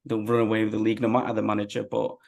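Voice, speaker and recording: A man's voice: lowish voice, monotone, racing, gravelly, darkish tone. A man, chatting casually as a football fan being interviewed.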